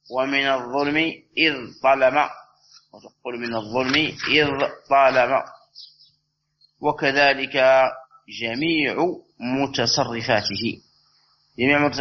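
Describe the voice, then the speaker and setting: A man teaching an Arabic grammar lesson, explaining step by step and slowly repeating each word form. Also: medium pitch. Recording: slightly dull recording with faint noise.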